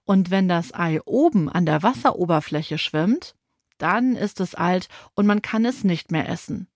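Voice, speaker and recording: A woman's voice: fairly low pitch, animated, unhurried, darkish tone, no room sound, clean studio sound. Ida, a woman reading a clever older sister. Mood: explaining. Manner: patient, explaining.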